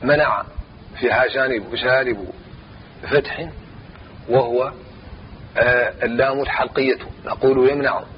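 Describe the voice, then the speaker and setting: A man teaching a grammar lesson, reciting verse lines slowly and repeating phrases as he explains each example. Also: mid-range voice, fairly even intonation, muffled recording, a little hiss or hum.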